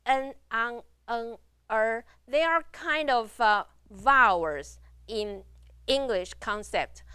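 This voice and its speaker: Slow, bright-voiced woman teaching. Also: on the high side, clear, resonant tone, no room sound, clean studio sound. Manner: slow, careful demonstration of sounds. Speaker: Mandarin teacher. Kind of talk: classroom lecture.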